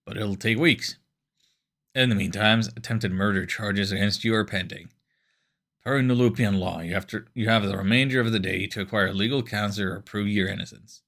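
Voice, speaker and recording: A man's voice: on the low side, gravelly, a bit bright, pitched below the performer's own voice. A man voicing a stern male police chief with a curt, accusing manner.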